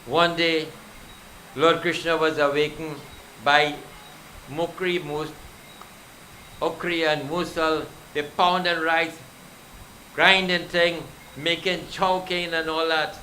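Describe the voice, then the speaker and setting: A man's voice: fairly high pitch, level tone, slow pace, pauses often, bright, forceful tone, a little hiss or hum, rough recording. A male pundit preaching a devotional sermon, telling scripture stories and exhorting the devotees. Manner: exhorting, storytelling, addresses devotees.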